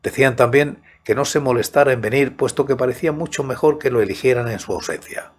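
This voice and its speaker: A man in his sixties narrating a scripted story in a measured, soft-spoken way, close to a studio microphone. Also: medium pitch. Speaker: host and narrator of horror audiobook channel. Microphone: large studio microphone close to the mouth, headphones.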